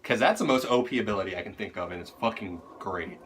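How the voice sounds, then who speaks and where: A man's voice: on the low side, animated, quick pace, fairly bright tone, slight background noise. A young man casually chatting as co-host, crude and joking with frequent laughs. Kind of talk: casual chat.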